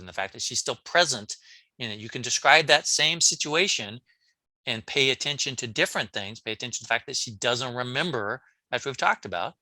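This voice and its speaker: A man, a brain coach on a podcast, talking casually in an interview, telling animated stories with frequent restarts. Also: medium pitch, no echo. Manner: animated storyteller, many restarts.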